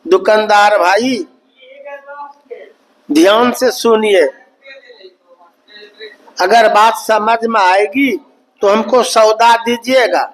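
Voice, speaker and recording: A man, speaking as a spiritual teacher in a storytelling sermon. His voice sits high, and his delivery is slow and unhurried. He slips into the quoted characters' lines as he narrates in a homely, folksy way. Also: rough recording. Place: satsang hall.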